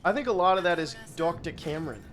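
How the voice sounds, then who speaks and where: A man streaming from home, chatting casually and jokingly while gaming, rambling between topics and breaking into loud bursts when reading donations. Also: a little high, expressive. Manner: joking, rambling, quick to laugh.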